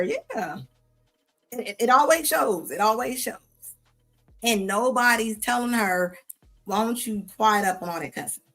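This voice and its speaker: This live-show host's voice sits on the high side with a fairly bright tone. Reacting to video clips, she scolds sassily, drops casual slang, and repeats herself a lot.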